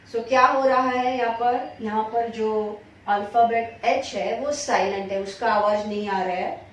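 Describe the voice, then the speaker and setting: Slow Indian woman teaching, echoey room. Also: a little high, darkish tone. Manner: slow dictation of example sentences, switching to quick Hindi explanations. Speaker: English teacher. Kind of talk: grammar lesson. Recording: far-off echoey room recording.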